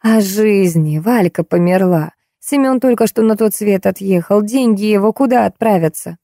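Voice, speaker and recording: A woman's voice: mid-range voice, normal speed, dark tone, dry recording, clean studio sound, close to an everyday voice. A woman voicing a shabby, spiteful drunk woman of about fifty, gloating in a storybook reading. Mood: mocking. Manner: gloating, mocking.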